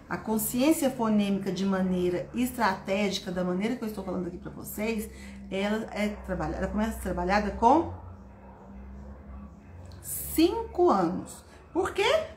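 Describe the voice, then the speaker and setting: A woman teaching a live online class to parents and educators, animated and stretching her words, greeting viewers by name. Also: a little high. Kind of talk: live-stream teaching talk. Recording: roomy echo, faint background noise.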